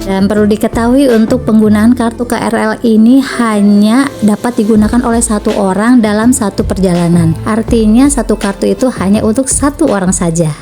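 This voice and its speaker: Female travel vlogger, chatty and informative, fairly even mid-range voice with prominent music underneath. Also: mid-range voice, brisk, hardly any pauses. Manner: chatty, addresses viewers informally. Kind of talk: casual informative vlog narration.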